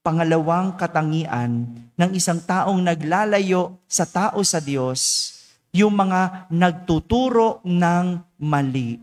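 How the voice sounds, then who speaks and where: A man's voice: sits high, lively intonation, slow pace. A man preaching a homily as parish priest, asking his congregation rhetorical questions and tagging his sentences with a questioning "no?". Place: church. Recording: long church reverb.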